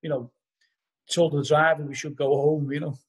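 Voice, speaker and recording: A middle-aged Liverpool man, a band vocalist guesting on a podcast, tells rambling stories full of "you know" over a laptop webcam video call from his living room. His voice is fairly high and slightly rough, with a level tone and moderate pace.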